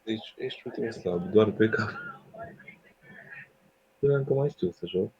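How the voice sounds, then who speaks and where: A man chatting casually with a teammate during an online shooter, relaxed and rambling in half-finished sentences. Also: lowish voice, husky, dry recording, lo-fi sound. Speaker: teammate, co-player. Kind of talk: casual chat while gaming.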